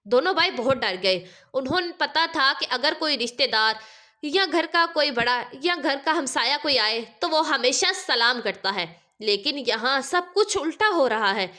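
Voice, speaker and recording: A woman's voice: high-pitched, lively intonation, sharp tone. A woman narrating a religious story in an emotive, dramatic way.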